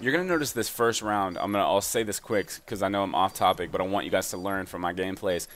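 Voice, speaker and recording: Young man, low voice, rapid casual gaming voice-over commentary. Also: a little hiss or hum. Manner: fast, energetic and chatty. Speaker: gaming YouTuber giving fitness advice.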